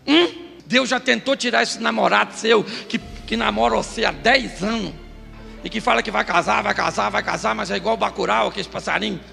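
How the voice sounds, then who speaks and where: Gravelly high-voiced Brazilian preacher man. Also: in a large hall. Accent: Brazilian Portuguese. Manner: comic, shouting bursts, acts out voices. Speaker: pastor. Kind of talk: humorous Pentecostal sermon. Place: church hall.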